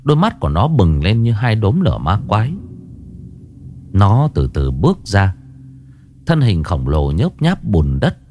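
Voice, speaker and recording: A man's voice: lowish voice, wildly swooping pitch, unhurried, pauses often, a little mellow, slight background noise. A man narrating a horror story in a dramatic, ominous way.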